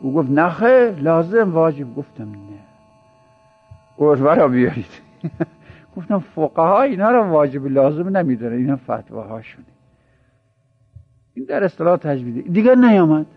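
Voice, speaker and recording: A man's voice: on the high side, big pitch swings, pauses often, breathy edge, highs cut off. Man giving an informal religious lecture. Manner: conversational, explaining with repeated examples. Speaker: religious teacher.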